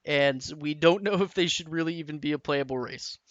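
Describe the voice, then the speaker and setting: A man's voice: on the high side, brisk, dry recording, highs cut off. A man giving a casual, rambling talk to camera, full of restarts and fillers. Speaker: tabletop and larp rules reviewer. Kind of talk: casual unscripted rant to camera. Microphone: camera mic.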